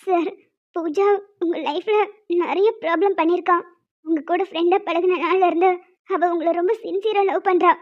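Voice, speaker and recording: A woman's voice: very high-pitched, steady tone, normal speed. A woman voicing an anxious young woman who earnestly begs a man for help in a cartoon. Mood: pleading. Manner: earnest, begging. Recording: dull lo-fi recording.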